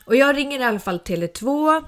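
Animated middle-aged woman telling a story. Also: high voice. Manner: animated, swears, frequent fillers. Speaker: podcast host. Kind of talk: casual storytelling chat.

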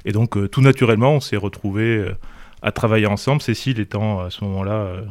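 A man's voice: lowish voice, fast talker, a little mellow, no echo. Hesitant man, dry close sound. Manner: hesitant, frequent fillers. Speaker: guest researcher. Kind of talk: interview answer.

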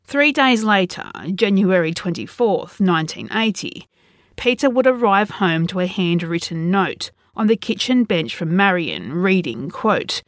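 A woman hosts a podcast, reading scripted true crime narration in a measured, serious and suspenseful storytelling style. Her voice is medium-pitched, and the recording is dry and studio quality.

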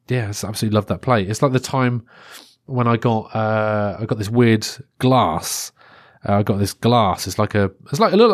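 Fairly low in pitch, a man in his thirties chats his way through a solo podcast despite a cold that leaves him stuffy-nosed. His delivery rambles with frequent fillers and restarts, captured cleanly in a studio without room sound.

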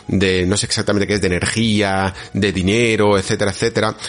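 Man, podcast host, low voice, thoughtful and measured. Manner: measured, analytical, weighs points carefully. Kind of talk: casual podcast chat.

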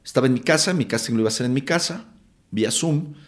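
Animated Mexican Spanish man. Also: medium pitch, fast. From Mexico City. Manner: animated, acts out quotes, swears casually. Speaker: actor guest. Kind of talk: casual storytelling interview.

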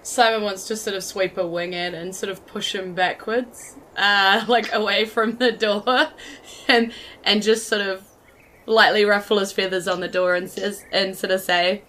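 A woman's voice: mid-range voice, fairly even intonation, measured pace, a bit bright. A woman playing in a tabletop game, describing her character's moves in a casual, giggly, hesitant way. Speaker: player.

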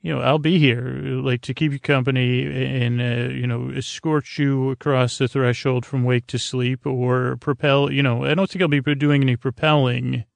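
Host of a bedtime sleep podcast, an American man delivers a flat, medium-pitched monologue in a creaky, gravelly voice. He wanders and hesitates, letting thoughts trail away and then returning to them, with no room sound in the recording.

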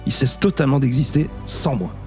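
A man's voice: mid-range voice, brisk, music in the background, lightly acted. A man playing a cold, menacing middle-aged drug kingpin in a comic read-through.

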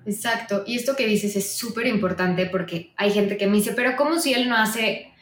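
A woman's voice: mid-range voice, moderate pace, echoey room. A woman with a Mexican accent, a podcast guest telling stories in casual conversation and acting out her own dialogue.

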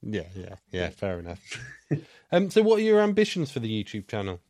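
A man's voice: fairly low pitch, wildly swooping pitch, a little fast, a little mellow, dry recording, clean studio sound. A man hosting a casual podcast interview, chatty and joking, appealing to listeners and asking questions. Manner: chatty, conversational, self-deprecating jokes. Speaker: podcast host.

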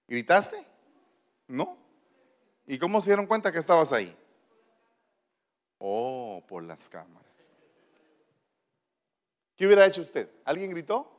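Man, playful questioning preacher, long hall echo. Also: high-pitched. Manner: playful, teasing, coaxing questions. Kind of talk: interactive sermon with congregation.

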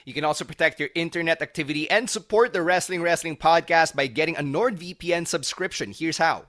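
A man's voice: a little high, brisk, fairly bright tone. A man, hosting a casual podcast interview. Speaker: podcast host.

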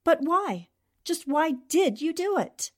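Playing a level-headed, sharp-witted columnist and amateur sleuth in a radio mystery, she speaks with slow, storytelling deliberateness. The voice is very high, sing-song and exaggerated, carrying an accusing mood.

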